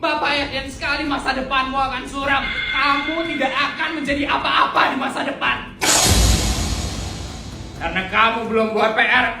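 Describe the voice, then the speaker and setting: A strict middle-aged male schoolteacher in a comedy skit, loud and scolding with mocking laughs, as a performer puts him on. The voice echoes in a roomy space with loud music behind. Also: high-pitched, moderate pace, pitched above the performer's own voice.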